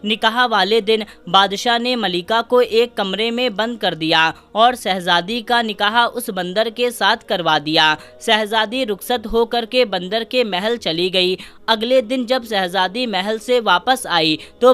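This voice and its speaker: A woman narrating a scripted fairy tale in a steady storytelling manner. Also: medium pitch, smooth.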